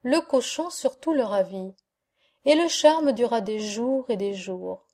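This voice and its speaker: Lectrice de livre audio, voix douce. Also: female voice, fairly high pitch, measured pace, dark tone. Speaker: audiobook reader. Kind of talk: literary audiobook narration.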